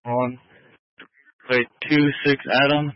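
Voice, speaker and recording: A man's voice: medium pitch, little pitch movement, slow, dry recording. Terse male police officer on the radio. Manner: terse, procedural radio talk. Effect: police radio transmission. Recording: muffled lo-fi radio sound.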